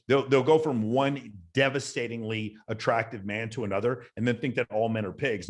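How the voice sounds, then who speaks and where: A man talking as a guest on a podcast, telling stories in a blunt, emphatic and profane way. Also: medium pitch. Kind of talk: casual podcast chat.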